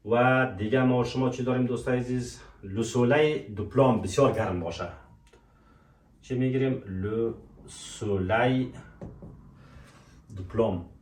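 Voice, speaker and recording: A man teaching French vocabulary, repeating each word slowly and asking and answering his own questions. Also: mid-range voice, darkish tone. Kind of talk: language lesson. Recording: echoey room, voice from a distance.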